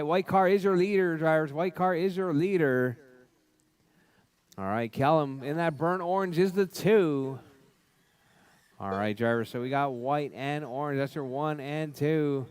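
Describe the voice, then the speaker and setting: Man calling races in clear, spotter-style bursts. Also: a little high. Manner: repetitive clipped calls of running order and cautions. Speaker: race announcer. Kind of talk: live RC race commentary over PA, like a race spotter calling positions and cautions.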